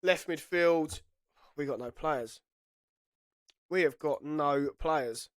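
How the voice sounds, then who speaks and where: Suffering from a head cold, a gaming YouTuber talks slowly through a football management game in a casual, chatty style, frequently correcting himself. His voice is a little high and there's no echo.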